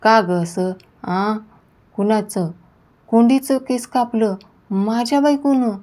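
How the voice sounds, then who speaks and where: A woman's voice: a little high, takes it slowly, darkish tone, pitched above the performer's own voice. A woman voicing a bewildered village man who asks in short, puzzled bursts.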